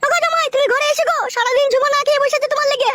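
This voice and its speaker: A woman voicing a coaxing older mother-in-law in a comic skit, high and wheedling. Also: fairly even intonation, rapid-fire, a bit bright.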